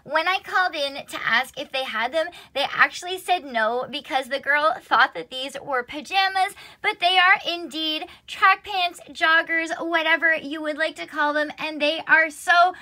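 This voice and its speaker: A young woman chatting casually as a vlogger, gushing with the excitement of an anime fan. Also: high voice, moderate pace, few pauses. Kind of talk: casual shopping haul chat.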